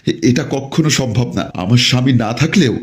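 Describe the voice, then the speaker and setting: A man's voice: medium pitch, lively intonation, moderate pace, a little hiss or hum, close to an everyday voice. A man voicing a tearful, desperate young woman who pleads in a raised voice.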